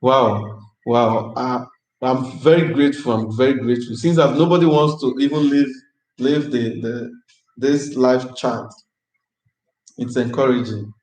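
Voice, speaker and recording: A man hosts a live-stream chat, answering viewers' questions in a chatty, upbeat way. He repeats his phrases as he talks. His voice sits at a middle pitch and carries a noticeable roomy echo. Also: fairly even intonation, a little slow, a little mellow.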